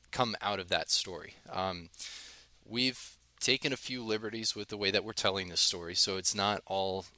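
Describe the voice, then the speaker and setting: A man's voice: deep voice, pushed and bright, no room sound. A man hosting a podcast, talking casually and loosely with many filler words. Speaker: podcast host. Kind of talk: casual chat.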